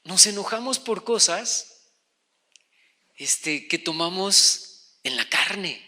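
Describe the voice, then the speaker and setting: A male pastor preaches in a very high, piercing, bright voice. His talk is conversational and lively, and a long hall reverb trails each phrase. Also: slow. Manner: conversational and animated, addressing listeners as "hermano". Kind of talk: sermon.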